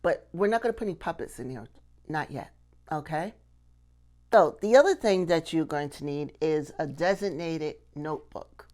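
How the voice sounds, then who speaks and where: Talking straight to camera, the puppetry instructor keeps her lesson casual and conversational, asking questions and dropping in frequent "okay?" check-ins. Her deep voice is a little mellow, with lively intonation and a normal speed.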